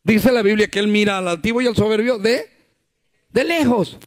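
A man's voice: high-pitched, fairly even intonation, quick pace. A male pastor preaching a sermon at a church service, conversational, full of rhetorical questions and acted-out quotes.

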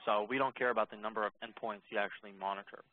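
A man walking listeners through a software demo in a webinar, speaking in a monotone with plenty of ums and uhs. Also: lowish voice, very fast. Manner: monotone, self-described; relaxed, many ums and uhs. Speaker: product presenter. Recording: tinny phone-line audio.

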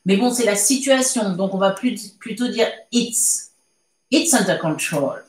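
Slow-talking teacher woman in an echoey room. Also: mid-range voice, lively intonation. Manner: chatty, reads out viewers' chat answers. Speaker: English teacher. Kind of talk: live online English lesson.

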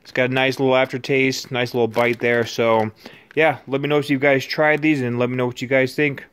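Smooth-voiced man giving a hesitant casual review. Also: medium pitch, little pitch movement, fairly bright tone. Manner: hesitant, off-the-cuff delivery with many ums and pauses. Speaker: snack reviewer. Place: living room indoors, by a couch.

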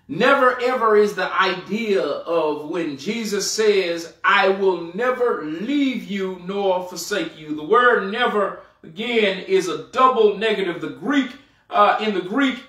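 Male pastor, sermon, high voice, slow deliberate delivery, emphatic swells and low phrase endings. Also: fairly bright tone, echoey room, recorded from a distance. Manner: preaching with rising and falling emphasis, dropping low at phrase ends.

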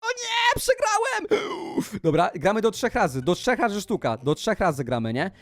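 A man narrating a Minecraft video as a gaming YouTuber, excitable and shouty, swinging between hushed asides and loud exclamations. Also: fairly high pitch, fairly quick, no echo.

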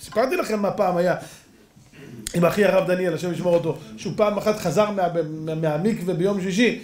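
A man's voice: high-pitched, steady tone, a little mellow. A male rabbi giving an emphatic sermon, firing rhetorical questions and acting out stories. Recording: echoey hall.

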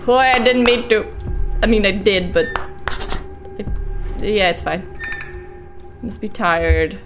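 Over game music, a young woman takes it slowly in a mid-range voice while streaming a horror game. Her let's-play commentary is casual, jittery and playful, full of self-reassurance and swearing.

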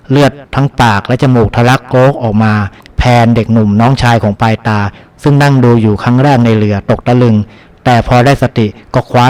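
Brief: male audiobook narrator, steady and dramatic, middle-pitched voice. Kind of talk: scripted novel narration.

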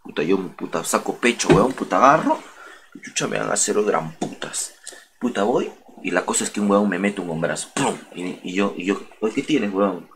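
Slangy young Peruvian man, low voice. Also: lively intonation, brisk, background noise. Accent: Peruvian Spanish. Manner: slangy, swearing, colorful street talk. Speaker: streamer. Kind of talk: casual storytelling on a stream.

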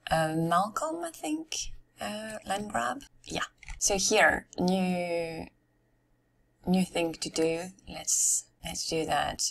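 A woman giving casual game commentary, musing aloud to herself in a somewhat hoarse voice, as if losing it. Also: on the low side, fairly bright tone. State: losing her voice. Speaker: gamer narrating her game. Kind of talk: casual let's-play commentary.

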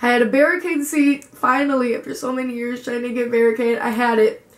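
A woman's voice: fairly high pitch, fairly even intonation, fairly quick, reverberant. A young woman vlogger telling a story in a gushing way and saying "like" a lot. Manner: gushing, lots of "like". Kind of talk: casual vlog storytelling.

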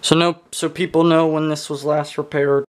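A young man tinkers at an indoor workbench as a hobbyist repairer, muttering casual commentary to himself, exclaiming and swearing now and then. His fairly high voice is flat in delivery at a moderate pace, with a little hiss or hum in the audio.

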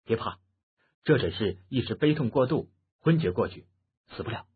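Polite middle-aged fighter, narrator's voice; low-key, lo-fi phone quality. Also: male voice, lively intonation, normal speed, slightly rough. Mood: calm. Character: calm, polite middle-aged male swordsman. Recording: muffled phone-like lo-fi audio.

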